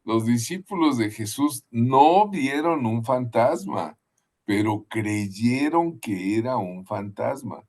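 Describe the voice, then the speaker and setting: A man giving a Bible class, unhurried and often adding tag questions. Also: medium pitch, lively intonation, a little mellow. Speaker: Bible teacher.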